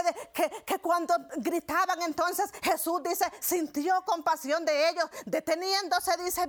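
A woman's voice: very high voice, a bit bright. A woman preaching a sermon, addressing the congregation as brothers and often repeating phrases with tag questions. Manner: frequent "¿verdad?" and "hermanos" fillers, repeating phrases.

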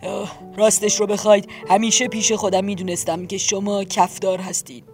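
A woman voicing a gentle old male grizzly bear posing as a neighbour, speaking slowly, softly and hesitantly. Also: medium pitch, flat delivery, faint music behind, close to an everyday voice. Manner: slow, soft and hesitant.

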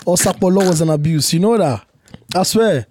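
A man's voice: sits high, lively intonation, normal speed, noisy background. A man from Lagos in Nigeria, hosting a casual interview in an informal, slangy way and often repeating himself. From born in Lagos, Nigeria. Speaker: interview host.

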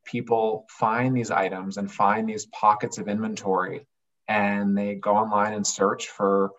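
Dull audio carries this low-leaning, fairly bright male voice. He's the owner of a family business and a guest on an interview, describing his company in an earnest, explanatory way with occasional restarts during the conversation.

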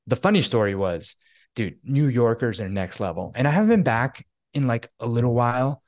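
A man's voice: mid-range voice, normal speed, no echo, clean studio sound. A young man from New York, casually telling a story on a podcast with lots of fillers. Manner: animated storytelling, many fillers. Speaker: podcast co-host. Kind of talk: casual chat.

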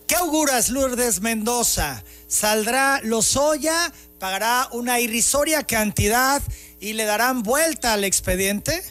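A man hosting an interview and asking his guest polite, measured questions. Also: extremely high pitch, lively intonation, fairly bright tone, faint music behind. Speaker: interviewer, host.

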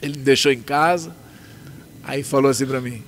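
A man's voice: medium pitch, moderate pace, fairly bright tone, a little hiss or hum. A man with a Brazilian Portuguese accent, casually telling his story as a guest, laughing often and acting out what people said. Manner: laughs often, acts out dialogue.

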